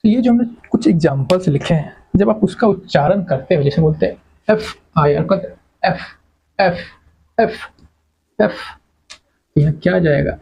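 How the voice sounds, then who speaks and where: A man's voice: high-pitched, lively intonation, normal speed, creaky, long pauses, darkish tone, breathy edge, muffled recording. A man teaching English grammar to exam students, repeating words and quizzing the class with questions. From India. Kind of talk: classroom lecture.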